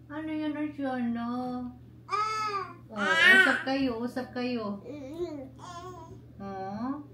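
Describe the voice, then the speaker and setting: A woman's voice: high-pitched, very slow. A woman in her thirties, a home vlogger, cooing at babies in a sing-song baby-talk voice. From Philippines. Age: 30s. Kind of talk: casual home vlog, talking to babies. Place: family home, indoors. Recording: echoey room, faint noise.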